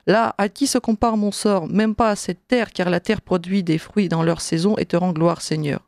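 A woman's voice: on the low side, steady tone, moderate pace, darkish tone, dry recording, studio quality, lightly acted. A woman reading aloud as a grieving childless wife, lamenting to God in a plaintive, repeated refrain.

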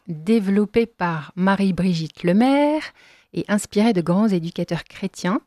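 A woman hosting a radio talk show, introducing guests in a measured way. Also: medium pitch, dark tone, no echo, clean studio sound. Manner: measured, slowing on key phrases, light laughs. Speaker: radio host.

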